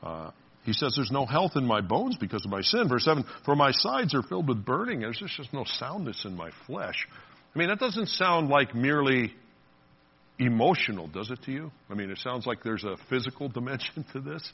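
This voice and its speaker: A man's voice: mid-range voice, big pitch swings, fairly quick, husky, muffled recording. A man preaching a sermon in a conversational way, laughing often and putting on playful voices for quotes. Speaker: pastor.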